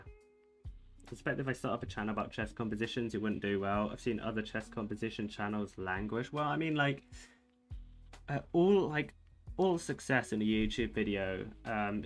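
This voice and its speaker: Over faint music, a young streamer plays chess and reads chat in a lowish, soft-spoken voice that viewers find soothing. His casual talk rambles hesitantly, with lots of fillers and restarts.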